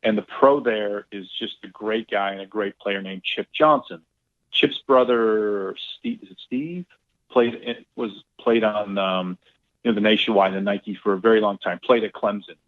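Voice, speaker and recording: A middle-aged man, a golf club owner, telling a lively casual story and acting out quoted dialogue, with some swearing. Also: fairly low pitch, moderate pace. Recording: tinny phone-like line.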